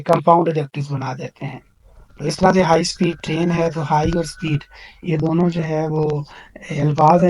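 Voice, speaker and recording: A man with a Pakistani accent teaching a recorded lesson. He explains exercises patiently, reads English phrases slowly and drawn out, and pauses often with "uh". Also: high voice, darkish tone, lo-fi sound.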